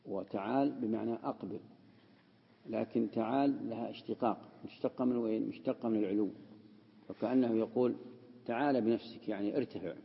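A man's voice: lowish voice, fairly even intonation, fairly quick, gravelly, breathy edge, long reverb tail, lo-fi sound. A man teaching a classical text as a sheikh, explaining and repeating key words. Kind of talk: lesson explaining Quranic word usage.

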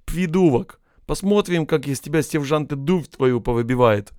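A naive, mild young recruit who swallows his L and R sounds and brags gently, as a man reading the story puts him on. The voice sits higher than the reader's own, in a dry close recording. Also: moderate pace, clear, resonant tone, no echo, natural voice. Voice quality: cannot pronounce L and R. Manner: mild, polite, boastful. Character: naive young male recruit with speech defect.

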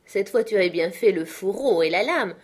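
A woman's voice: mid-range voice, lively intonation, moderate pace, slightly rough. A woman reader voicing a meek, good-natured husband who teases his brother-in-law. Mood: teasing.

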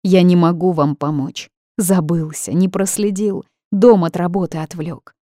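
A woman's voice: on the low side, steady tone, a little slow, mellow, dry recording, clean studio sound, natural voice. Woman doing a wailing old ghost man. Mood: despairing. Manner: wailing, self-pitying outbursts. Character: fussy old male ghost, frantic and grumpy.

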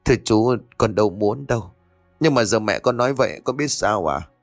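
A man's voice: on the low side, lively intonation, a little fast, gravelly, dry recording, faint music behind. A man voicing a young husband devoted to his mother, at times meek, at times defiant. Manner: pleading, then loud and firm.

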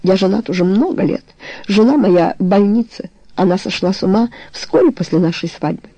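A reader voicing a tormented married man who confesses his love in halting, emotional pleas, in an audiobook. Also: mid-range voice, mellow, highs cut off, lightly acted. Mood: stricken.

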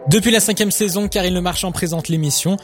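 A man's voice: high voice, fast, over music. A man co-hosting a student web radio show, reading a media segment in a chatty way and joking with his co-host.

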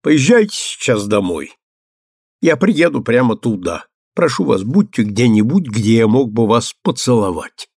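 A man voicing a talkative young gentleman who has lost his fortune and rambles on. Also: medium pitch, big pitch swings, unhurried, husky, dry recording, studio quality, full character voice. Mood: abrupt. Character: young man, ruined gentleman, chatty and gloomy.

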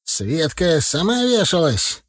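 A man's voice: on the high side, sing-song, slow, pitched above the performer's own voice, heavily acted. A man doing a whiny, wheezing young bully. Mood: blustering. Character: beaten young male driver, whiny bully.

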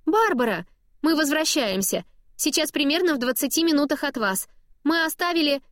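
A woman doing a cheerful flustered mum, high bright voice, breathless and bubbly, dry close sound. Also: animated, normal speed, no echo. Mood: cheery, embarrassed. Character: cheerful flustered mother on a crackly phone.

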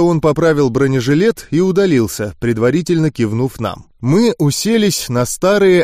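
Male audiobook narrator, slightly high voice. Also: a little mellow, dry recording, clean studio sound. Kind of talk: scripted first-person audiobook narration.

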